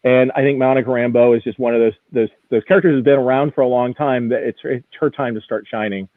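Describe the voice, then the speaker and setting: Speaking at a quick pace with a steady tone, a mid-range male voice delivers enthusiastic, conversational commentary on collectible items for a live show; he's an auction house executive there as guest expert. No echo is present, and the audio is narrow and phone-like, radio-style.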